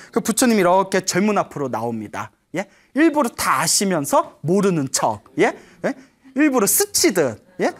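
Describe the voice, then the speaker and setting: A woman preacher telling a Buddhist story to a live audience, often checking in with them and laughing as she goes. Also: on the low side. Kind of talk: lively storytelling sermon.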